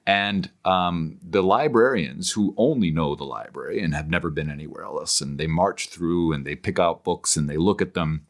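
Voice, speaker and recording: A podcast guest who writes on philosophy and literature speaks in a deep, low voice during an interview. His explanations are scholarly and discursive, and he often pauses mid-phrase to find the next word before continuing the thought.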